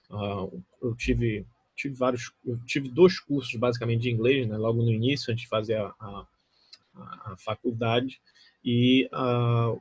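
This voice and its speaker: A man's voice: mid-range voice, slightly rough, no echo. A man whose first language is Portuguese, from Brazil, teaching a recorded English lesson. He explains patiently and keeps checking that the students follow.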